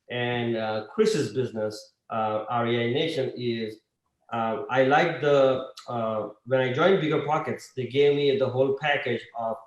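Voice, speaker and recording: A man speaking as an investor guest in a casual interview, chatty and filling pauses with "uh". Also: medium pitch, roomy sound, low-quality recording. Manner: chatty, with frequent "uh" fillers. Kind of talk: conversational interview on a video call.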